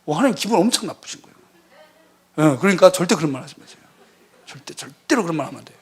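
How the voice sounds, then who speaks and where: A man in his forties, a missionary preaching a lively sermon in a church, telling stories and acting out the voices in them. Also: on the high side, racing, slightly rough. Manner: animated storytelling, acting out quoted voices.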